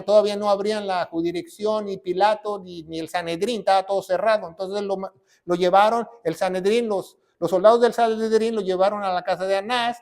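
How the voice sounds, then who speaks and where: A male pastor teaching a Bible lesson, walking through events step by step and often checking in with his listeners. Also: high-pitched.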